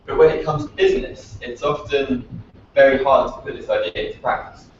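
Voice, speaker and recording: Man giving a measured prepared talk. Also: medium pitch, wildly swooping pitch, a little hiss or hum. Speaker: startup founder speaker. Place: echoey venue room at a meetup. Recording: echoey, distant, dull lo-fi audio.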